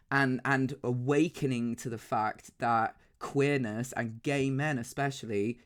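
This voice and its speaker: Man, around forty, mid pitch, chatty, animated, swears casually, podcast host. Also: takes it slowly, clear, resonant tone. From south coast of England. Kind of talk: casual chat.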